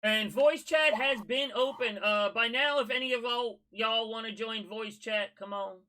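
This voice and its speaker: Bright high-voiced modeling host. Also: male voice, a little slow. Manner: relaxed, folksy, advice-giving. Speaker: livestream host of a scale modeling show. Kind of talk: casual livestream chat.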